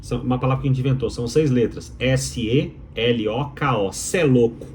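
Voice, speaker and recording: A Mineiro-accented man from Minas Gerais, Brazil, a doctoral student, gives viewers an opinionated explainer, emphatic and rhetorical, repeating key phrases. His mid-range voice is fairly quick and a little mellow, with slight background noise.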